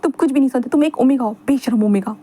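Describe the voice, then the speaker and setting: A woman's voice: high-pitched, quick pace, warm tone, breathy edge. A woman voicing a stern middle-aged father who scolds and lectures his son in a read-aloud fan fiction story. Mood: scolding.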